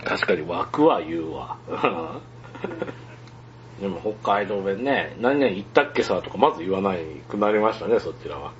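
Lively, rambling man. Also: low voice, normal speed, highs cut off, slight background noise. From Hyogo, Japan. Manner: rambling, many fillers, chuckles often. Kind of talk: casual radio chat.

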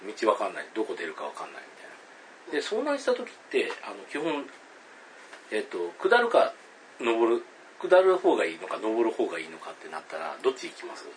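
A man telling a spooky story to a listener, hesitant with many fillers and pauses, acting out calls and voices loudly. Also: lowish voice, huge pitch swings, slight background noise, rough recording.

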